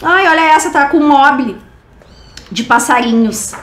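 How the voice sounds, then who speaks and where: Brazilian woman host, high and sweet, fond casual review, recorded in a room with an echo. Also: moderate pace, fairly bright tone. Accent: Brazilian Portuguese. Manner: gushing and affectionate, coos over each picture. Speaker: book reviewer and channel host. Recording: roomy echo.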